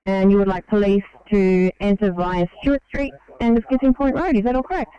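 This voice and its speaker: A woman's voice: medium pitch, fairly quick. A woman working as an emergency dispatcher, speaking in procedural exchanges over a two-way radio. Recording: dull lo-fi radio transmission.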